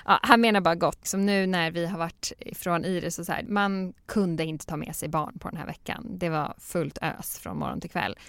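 A young woman hosting a podcast tells stories in a lively, casual way and laughs often. Her voice sounds dry and close, with no room around it. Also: on the low side, few pauses, dry recording. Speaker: podcast host. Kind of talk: casual chat.

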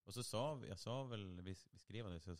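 A man co-hosting a casual chat, speaking hesitantly and often restarting his sentences. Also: lowish voice.

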